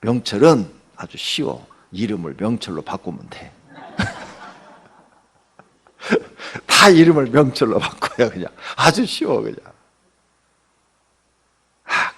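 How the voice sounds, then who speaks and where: A man's voice: fairly low pitch, wildly swooping pitch, unhurried, vocal fry, pauses often, husky. A man preaching a dawn sermon in a church, talking conversationally, asking the congregation questions and joking. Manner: acts out everyday people in quotes, joking. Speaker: pastor. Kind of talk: early-morning sermon.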